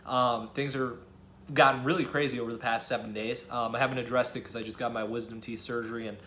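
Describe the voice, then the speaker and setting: Young guy vlogging to camera, rambly and laughing a lot, mid pitch, faint hiss behind. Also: fast. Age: young adult. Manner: rambling, animated, laughs often. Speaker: student vlogger. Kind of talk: casual talk to camera.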